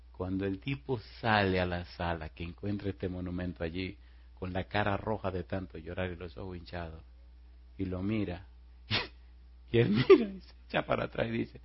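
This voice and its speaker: Husky-voiced preacher telling a story. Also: male voice, sits low, normal speed. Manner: animated storyteller, asides to the congregation. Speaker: pastor. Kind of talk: sermon storytelling. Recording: muffled lo-fi recording.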